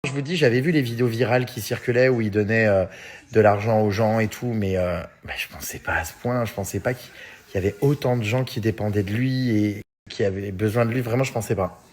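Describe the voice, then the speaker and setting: A man's voice: on the low side, a little fast. Chatty French vlogger man, filler-heavy. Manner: chatty, many fillers like hein and euh; often laughs while talking. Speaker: vlogger reading and answering fan messages. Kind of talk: casual story chat to followers.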